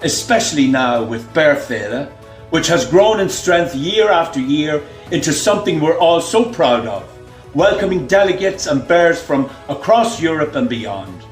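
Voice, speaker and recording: A man in his sixties giving a formal, measured self-introduction as a contest candidate. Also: fairly high pitch, big pitch swings, soft background music. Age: 60s. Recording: echoey room.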